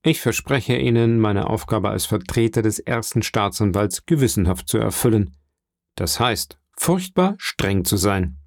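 A man's voice: fairly low pitch, lively intonation, a little slow, no room sound, clean studio sound. A man voicing a young, ambitious royal prosecutor who speaks formally and courteously. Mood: reassuring.

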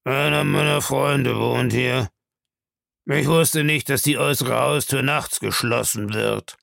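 Ein Mann spricht einen grimmigen, bedrohlichen älteren Mann in einer Hörbuchlesung, langsam und brummig. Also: male voice, medium pitch, steady tone, creaky, a bit bright, no room sound, studio quality. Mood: grumbling. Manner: slow, grumbling. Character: Abel Bellamy, a gruff, menacing older man.

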